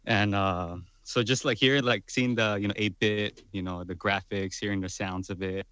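A man's voice: on the low side, fairly even intonation, normal speed, fairly bright tone, smooth, no echo. A man in his twenties, a guest musician, talking in a rambling casual way with lots of fillers. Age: 20s. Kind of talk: casual chat.

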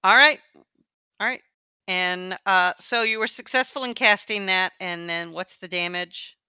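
A woman's voice: mid-range voice, unhurried, pushed and bright, smooth, dry recording, highs cut off. A woman speaking as game master, casually narrating a tabletop game.

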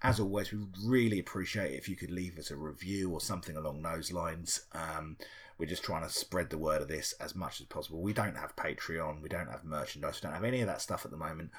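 A man's voice: extremely low pitch, quick pace, fairly bright tone, breathy edge. A man hosting a casual podcast quiz special, reading out answers in a loose, sweary and sardonic way with plenty of fillers. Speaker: podcast host.

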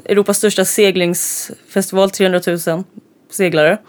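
A touring band musician from southern Sweden, chatting casually as an interview guest, laughing often and trailing off into soft asides. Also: mid-range voice, level tone.

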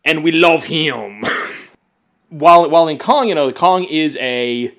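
A young man talks movies in a relaxed podcast chat, hesitant and restarting often. His voice sits a bit high for a man. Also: takes it slowly. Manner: hesitant, many fillers and restarts. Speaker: podcast co-host.

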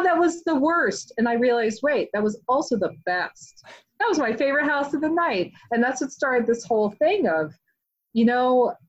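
A woman author being interviewed, talking in a chatty, animated way with many "like" fillers. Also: a little high, highs cut off. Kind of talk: casual interview chat.

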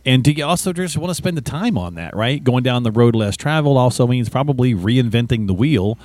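A man's voice: mid-range voice, expressive, brisk, a little mellow, dry recording. A man co-hosting a podcast, chatty and easygoing, asking questions. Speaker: podcast co-host. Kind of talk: casual podcast chat.

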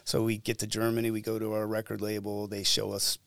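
Middle-aged man, gravelly low voice, dry close sound, animated casual storytelling. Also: quick pace, dry recording. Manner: animated, acts out quotes. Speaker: musician guest.

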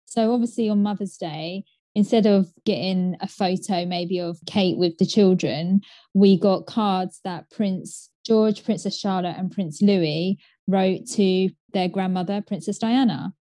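A woman's voice: mid-range voice, steady tone, a little slow, dark tone, no echo, studio quality. A woman co-hosting a casual chat podcast, chatty and filling her talk with "like" and "um". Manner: chatty, frequent "like" and "um". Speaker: podcast co-host.

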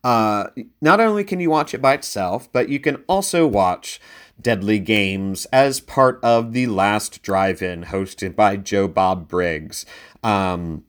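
A man's voice: lowish voice, slow pace. A man hosting a casual film review podcast, talking conversationally and leaning into his recommendations with emphasis. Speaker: podcast host.

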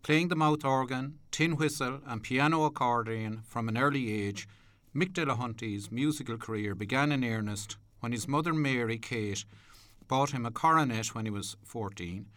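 Irish man, radio host, medium pitch, courteous announcing, unhurried, slightly hesitant, dry studio sound. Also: fairly bright tone, no room sound. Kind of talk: radio presenting, part prepared narration, part chat.

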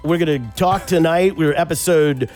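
A man's voice: a little high, fairly even intonation, moderate pace, a little mellow, soft background music. A man hosting a comedy podcast with an American accent, crude and joking as he runs through the lineup and topics. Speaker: podcast host. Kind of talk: casual comedic chat.

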